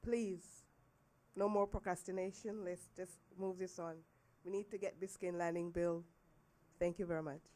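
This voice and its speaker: A woman with a hoarse voice, getting over the flu, speaking as a resident at a public meeting. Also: fairly low pitch, fairly even intonation, normal speed, dark tone. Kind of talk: public comment at a council meeting.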